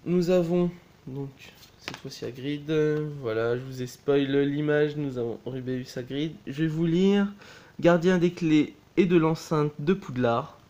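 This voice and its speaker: A man's voice: fairly high pitch, a little slow, dark tone, lo-fi sound. Chatty man showing off a collection. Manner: chatty, many hesitations and self-corrections. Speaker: collector showing a DVD box set. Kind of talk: casual unboxing chat.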